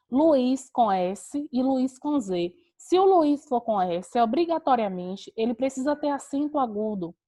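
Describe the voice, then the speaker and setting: A woman with a Brazilian Portuguese accent teaches a class over a video call. Her voice sits a little high, and she explains patiently, repeating key words and posing rhetorical questions before she answers them. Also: mellow. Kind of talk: online class lecture.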